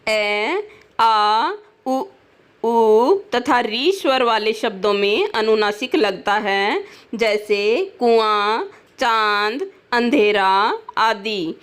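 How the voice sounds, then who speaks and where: Female teacher, very slow deliberate dictation, a bit high-pitched, talks to kids. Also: lively intonation, fairly bright tone, clear, resonant tone. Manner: deliberate, reads each word separately and addresses children. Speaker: Hindi teacher. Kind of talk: slow grammar lesson reading word lists.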